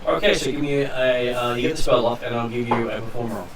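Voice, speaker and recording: A game master narrating a tabletop role-playing game in a halting, piecemeal way. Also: mid-range voice, recorded from a distance. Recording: roomy, off-mic, group chatter behind.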